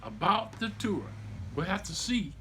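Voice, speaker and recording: With a little hiss or hum in the background, a middle-aged man reads aloud from the children's book he wrote. His high, sing-song, sharp voice lends the storytelling weight, as he phrases things emphatically and adds asides to explain.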